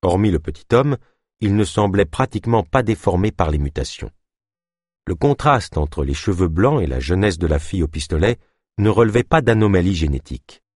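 A male audiobook narrator reads a novel in a measured way, with a fairly low voice that rises and falls a great deal. The sound is close and dry, with no room around it. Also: breathy edge, no echo. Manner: measured, expressive reading. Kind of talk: scripted narration.

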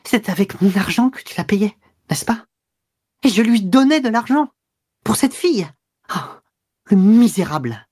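A betrayed young woman in a storybook reading, furious and breathless, her pitch leaping high and loud with every insult, as a woman reader puts her on. The voice stays husky at heart, and the recording is dry and close. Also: lively intonation, unhurried, pauses often, dry recording. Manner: shrill, breathless outbursts.

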